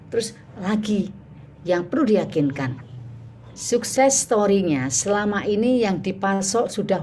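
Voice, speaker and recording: A woman's voice: medium pitch, slight background noise. Woman giving an online public speaking class, voice jumps all over, acts out customers. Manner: animated, acts out sales dialogues. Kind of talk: online workshop lecture. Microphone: video call.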